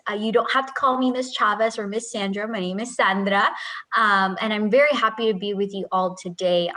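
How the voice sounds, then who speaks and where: A woman's voice: mid-range voice, bright, forceful tone, low-quality recording. A woman in her twenties, from Peru, giving an upbeat, chatty recruiting presentation over a video call. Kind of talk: friendly presentation.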